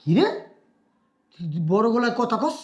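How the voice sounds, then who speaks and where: A man's voice: extremely high pitch, expressive, a little slow, echoey room. A man playing a scolding, abusive father-in-law. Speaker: father-in-law in a drama skit. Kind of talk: Bangladeshi short drama acting.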